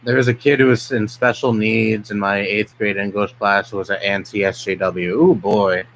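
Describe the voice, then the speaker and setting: A man's voice: on the low side, steady tone, normal speed, a bit bright, slight background noise, low-quality recording. A young man from New York City, a streamer ranting bluntly and profanely in casual live-stream chat. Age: young adult.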